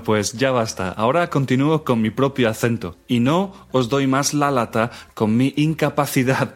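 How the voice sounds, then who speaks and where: Man teaching phrases, music behind. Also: mid-range voice. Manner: clear, slow repetition of phrases for learners. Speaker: language teacher. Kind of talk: scripted language lesson segment.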